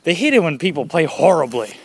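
A man's voice: a little high, big pitch swings, fast, no echo. A man casually telling a rambling story outdoors, laughing often and slightly out of breath. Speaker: vlogger. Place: outdoors, birds nearby.

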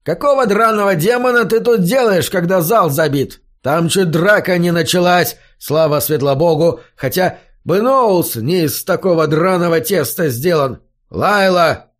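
A man's voice: a little high, animated, measured pace, pitched above the performer's own voice. A man voicing a short, balding, hot-tempered male innkeeper who barks and scolds. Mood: angry. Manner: barking, scolding.

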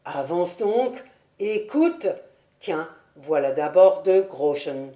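A woman voicing a jovial, generous man who calls out loudly, read for a storybook recording. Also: on the low side, animated, takes it slowly, reverberant. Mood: hearty. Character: jovial hearty bachelor host, generous man.

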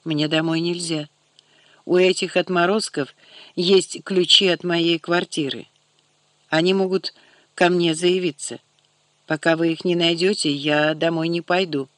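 A man puts on a sharp-tongued young woman, stubborn and sarcastic, pitched a little higher than usual. The read is dry and close to the mic. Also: steady tone, unhurried, no echo.

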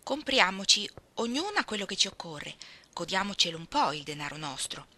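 A woman's voice: mid-range voice, very animated, normal speed, bright, forceful tone. A woman reading as a blunt, tomboyish teenage girl who sounds exasperated.

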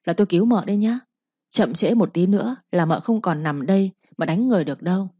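A woman's voice: on the low side, fast talker, mellow, husky, no room sound, dull audio. A woman voicing a cold, curt young man, a doctor and eldest son, in a storybook reading. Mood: cool, curt.

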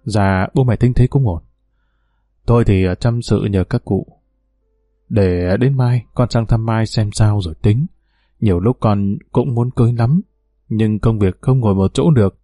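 A man playing a gentle young man. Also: lowish voice, measured pace, no room sound, faint music behind. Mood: earnest. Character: young man, kind, easygoing.

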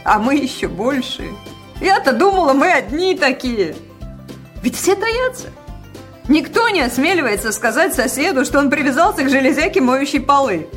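A woman voicing a feisty, sharp-tongued old woman who exclaims loudly. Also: medium pitch, a little slow, faint music behind, natural voice. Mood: exultant. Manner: loud and exclaiming.

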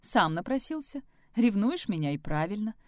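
Woman voicing a hot-tempered young fiancée, sharp and heated, dry close sound. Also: mid-range voice, sing-song, moderate pace, dry recording, lightly acted.

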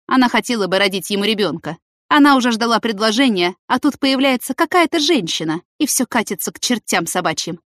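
A woman's voice: on the high side, no echo, clean studio sound, voice pushed up, close to an everyday voice. Woman voicing a bitter, jealous young doctor. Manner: bitter, sarcastic, hissing through teeth.

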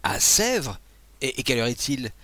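A male reader as a kindly, excitable abbé; flustered, stammering, lively swings in pitch. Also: moderate pace, vocal fry, no room sound, full character voice. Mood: alarmed. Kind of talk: audiobook dialogue.

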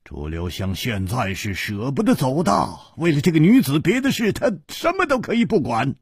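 A storyteller doing a proud, curt young fighter. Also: male voice, mid-range voice, wildly swooping pitch, moderate pace, slightly rough, no echo, clean studio sound, heavily acted. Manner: brusque, loud, clipped.

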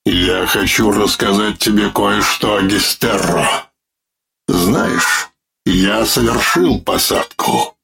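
A man's voice: background noise, heavily acted. A man voicing a droning metallic severed head. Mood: grim. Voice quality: droning metallic voice, lacking naturalness; gravelly, low. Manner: slow, pained, coldly mocking. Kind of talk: audiobook character voice.

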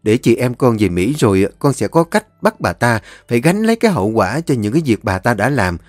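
A man voicing a caring elder sister who speaks in a gentle, coaxing way. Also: medium pitch, big pitch swings, brisk, no echo, close to an everyday voice. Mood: reassuring.

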